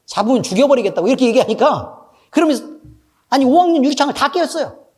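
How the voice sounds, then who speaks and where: A middle-aged man preaching a sermon as pastor, telling a story with asides to the congregation, swinging between loud emphatic bursts and low, quiet remarks. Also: animated, fast talker.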